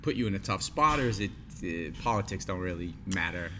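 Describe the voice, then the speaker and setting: A man's voice: low-pitched, lively intonation, a little fast. A man hosting an interview, chatty and candid, asking questions casually. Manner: chatty and candid, laughs easily. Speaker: podcast host. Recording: noisy recording.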